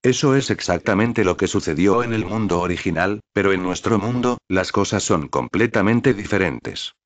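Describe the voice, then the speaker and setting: A man reading a novel recap as scripted narration, in an even, flat manner. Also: deep voice, normal speed.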